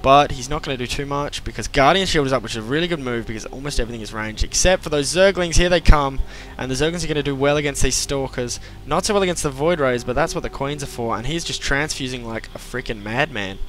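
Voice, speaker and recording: A man's voice: medium pitch, a bit bright. Chatty young man casting an esports match. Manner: chatty, self-mocking, quick asides. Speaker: esports caster. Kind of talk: play-by-play commentary.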